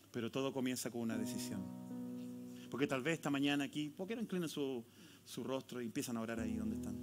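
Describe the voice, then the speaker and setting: A man with a Chilean accent, a pastor preaching a sermon and leading an altar call, swinging from loud questions to hushed, intimate tones. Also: mid-range voice. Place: church sanctuary. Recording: live church sound with loud guitar music behind. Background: guitar music.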